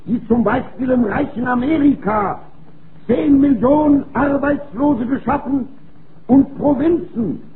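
A man giving an emphatic, declamatory political campaign speech in deliberate phrases, in the style of the 1930s. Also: very high voice. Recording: tinny, noisy early 1930s recording.

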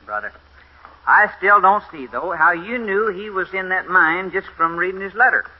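Easygoing cowboy sidekick, high-pitched, drawling and hesitant; 1950s radio western, lo-fi broadcast. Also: male voice, expressive, moderate pace. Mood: casual. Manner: drawling and casual, with hesitant fillers. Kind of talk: 1950s radio drama acting. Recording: dull lo-fi old radio recording.

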